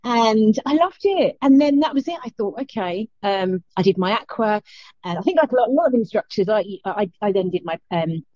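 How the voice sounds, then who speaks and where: A middle-aged woman with a South London accent, chatting casually as an interview guest in a halting, self-interrupting way over a muffled remote call. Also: medium pitch, animated, darkish tone, no echo. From South London, England. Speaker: fitness instructor, interview guest.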